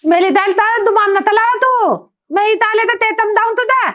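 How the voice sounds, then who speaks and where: In a comic skit, a woman acts out a cranky, insistent old mother-in-law who nags with a thick childlike lisp. The voice is shrill, very high and a bit bright at normal speed, and the sound is dull and muffled.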